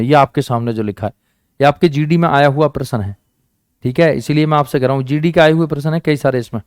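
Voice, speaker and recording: Male exam-prep teacher, higher voice, coaxing and repetitive, dry close sound. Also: no echo. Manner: coaxing, repeats questions and answers, calls students "beta" and "dost". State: sore hand, says it hurts. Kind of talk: online exam-prep class.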